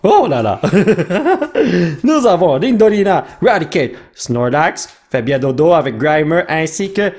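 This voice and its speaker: Young Quebec French man, chatty and excitable, with a lively swinging voice. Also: a little high, takes it slowly. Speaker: host. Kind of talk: card-opening video.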